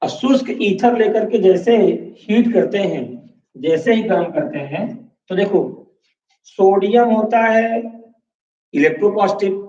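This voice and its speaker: Male chemistry teacher, lecturing step by step with constant check-ins; high voice, roomy echo. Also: measured pace, a little mellow, slight background noise. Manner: explains step by step, checking in with "है ना" and "ठीक है"; asks the class questions and answers them himself. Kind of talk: classroom lecture. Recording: echoey room, distant mic, dull lo-fi sound.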